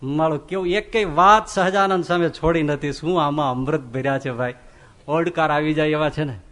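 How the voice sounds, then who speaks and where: A swami giving a religious discourse, telling stories in an animated way and acting out the voices of the figures. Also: male voice, a little high, moderate pace. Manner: animated storytelling, acts out quoted voices. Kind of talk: Gujarati religious sermon.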